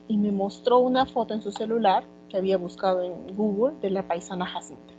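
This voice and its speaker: A woman with a Peruvian accent gives a class in a loose, chatty way and often stops on small filler words. Her voice sits at a middle pitch. The audio is a little dull, with a faint hum behind her. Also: steady tone, a little fast, warm tone. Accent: Peruvian Spanish. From Peru. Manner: conversational, many fillers like "este". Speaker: teacher. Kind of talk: online class lecture.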